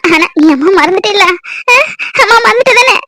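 Casting: a woman playing an elderly grandmother who is reproachful but forgiving and a little preachy, in a high voice. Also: lively intonation, a little fast, very noisy. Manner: scolding yet tender, preachy. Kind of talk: cartoon voice acting.

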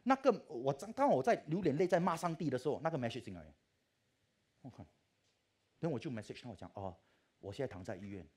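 Animated man telling a testimony. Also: mid-range voice, quick pace, long pauses, breathy edge. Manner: animated storytelling that mixes English into Mandarin and acts out dialogue. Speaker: speaker sharing his life testimony. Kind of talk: church testimony talk.

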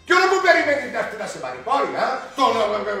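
A man's voice: very high voice, wildly swooping pitch, pushed and bright, full character voice. An actor with a Cypriot accent playing a fussy, meddling father in a sitcom, exasperated and pleading. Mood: prying. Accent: Cypriot Greek. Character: fussy middle-aged father, whiny and meddling. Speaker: worried father. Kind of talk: sitcom acting. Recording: echoey set from a distance.

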